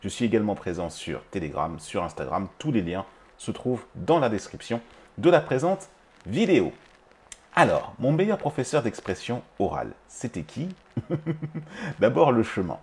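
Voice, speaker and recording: A man with a French accent hosting a language-learning video, talking casually to the viewer with many fillers and restarts. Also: lowish voice. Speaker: English-teaching video host. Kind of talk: casual spoken monologue to camera.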